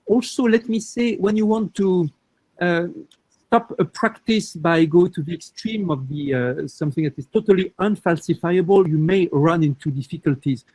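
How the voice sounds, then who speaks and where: A man answering a question on a panel, explaining through examples and often pausing to restart his sentences. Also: high-pitched, darkish tone, dry recording, rough recording.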